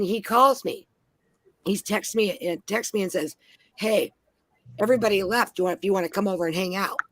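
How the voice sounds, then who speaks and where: A woman's voice: medium pitch, no echo. A woman from Minnesota on a panel, telling blunt, heavily profane stories in casual chat. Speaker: panel guest.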